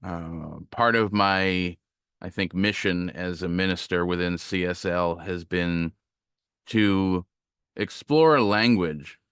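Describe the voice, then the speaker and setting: Low-voiced smooth man giving a sermon. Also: slow pace, no echo, clean studio sound. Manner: relaxed, reflective, with fillers and self-corrections. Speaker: guest minister. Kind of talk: conversational sermon. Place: online talk, home setup.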